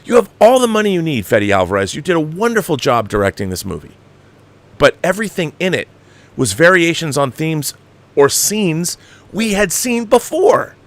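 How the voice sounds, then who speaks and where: He speaks at a moderate pace in a sing-song voice that sits on the high side. As host of a film commentary show, he delivers an exasperated, emphatic movie review rant full of opinions and swearing.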